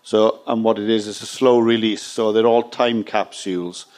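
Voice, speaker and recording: Lower-voiced man giving practical advice. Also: fairly even intonation, normal speed, darkish tone. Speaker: expert panellist.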